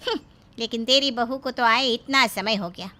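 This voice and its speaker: A woman voicing a sharp-tongued, taunting middle-aged neighbor in an animated story. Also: a little high, normal speed. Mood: mocking. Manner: taunting, scornful.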